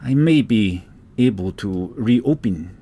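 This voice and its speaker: A man voicing a face-painted elf woman in a put-on Russian accent, halting and tagging questions. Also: on the low side, lively intonation, dark tone, breathy edge, heavily acted. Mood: earnest. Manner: halting, with "da" and "yes?" tags.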